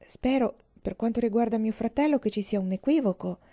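A woman reading an audiobook voices a courteous young gentleman in her own measured, polite manner. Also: on the high side, natural voice. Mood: calm.

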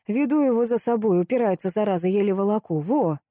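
A woman's voice: mid-range voice, animated, fast talker, dark tone, dry recording, studio quality, lightly acted. A woman reading a chatty clinic worker.

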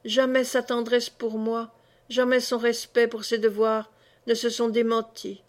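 A woman reads a historical novel aloud in a measured, sorrowful manner. Her voice sits fairly high and keeps an even, level melody. She narrates in the first person as a grieving wife. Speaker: audiobook reader. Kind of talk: literary audiobook reading.

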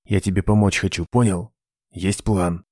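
A cool, hard-edged young agent giving short, commanding orders in a low voice, as a male narrator reads him. The audiobook sound is dry and close. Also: steady tone, moderate pace, dark tone, no echo. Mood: low, firm. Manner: terse, commanding.

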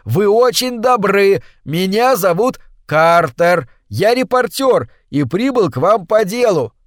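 A man voicing a weary reporter who shouts to be heard, his throat strained and hoarse. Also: on the high side, normal speed, no echo, studio quality, pitched above the performer's own voice, lightly acted. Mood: shouting, strained. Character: shaken, weary male newspaper reporter shouting over roaring water.

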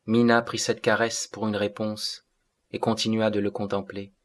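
A man narrating a classic novel as an audiobook in a measured way. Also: fairly low pitch, little pitch movement.

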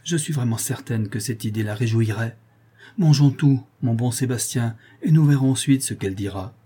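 Guy doing a sweet worried old auntie, pleading, soft husky voice. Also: medium pitch, moderate pace, natural voice. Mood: cheerful. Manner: pleading, plaintive. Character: kindly old aunt, fretful and gentle.

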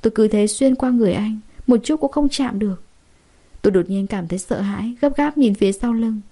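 A woman narrating a dramatic first-person story in a steady, emotional storytelling manner. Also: fairly high pitch, brisk.

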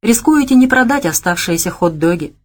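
A woman's voice: medium pitch, animated, a little fast, voice pushed up, lightly acted. A woman voicing a young man with no memory who speaks simply and earnestly. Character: young man with lost memory, quiet, sincere.

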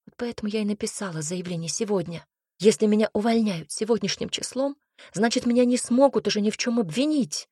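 A tearful, stubborn young woman, as a woman narrator plays her in an audiobook, talking in a weak, pleading, troubled way. The voice is husky and close, in a dry room. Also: mid-range voice, brisk, mellow, no room sound, lightly acted.

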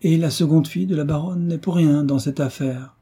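A man's voice: fairly high pitch, fairly quick, dark tone, slightly rough, voice pushed up. A man voicing a gracious, teasing royal princess in an audiobook story, raised to a lighter, playful tone. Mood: concerned, teasing.

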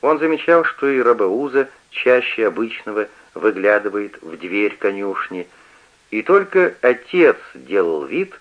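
Male narrator reading a story, lively up-and-down voice, muffled old radio sound. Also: fairly low pitch, a little slow. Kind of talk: scripted audiobook narration.

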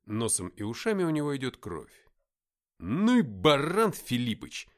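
A man reading a first-person audiobook in a lively, expressive way. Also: medium pitch. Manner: lively, expressive reading with loud acted dialogue. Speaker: audiobook narrator.

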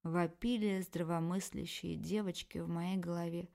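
A woman with a low-pitched voice narrating a first-person erotic novel as an audiobook. Her reading is expressive and emotional, leaning into every feeling of the heroine. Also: moderate pace, creaky.

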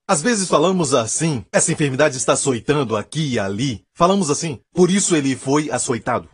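A fairly high, husky male voice preaching with emphatic, repeated phrases. He sounds close and dry, with little room around him, as he drives each point home. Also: no echo. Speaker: pastor. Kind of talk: sermon.

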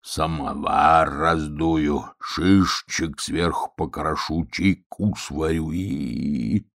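A man voicing an old, kindly male wolf in a storybook reading, talking slowly and low. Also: steady tone, vocal fry, fairly bright tone, exaggerated voice. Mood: drowsy. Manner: slow, low and drawling.

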